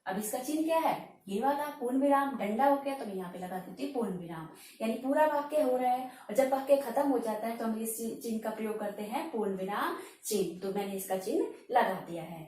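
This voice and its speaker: A patient woman teacher explains grammar to her students, repeating points and saying example words slowly, one at a time. Her somewhat high voice sounds a little distant in an echoey room with faint ambience behind. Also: lively intonation, a little mellow, slight background noise. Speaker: Hindi teacher. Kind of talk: online grammar lesson.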